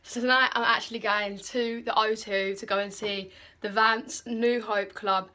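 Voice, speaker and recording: A woman with a British accent vlogging to camera in a gushing, excitable way, repeating words for emphasis. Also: medium pitch, a little slow. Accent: British English. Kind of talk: casual vlog to camera. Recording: noisy handheld vlog audio.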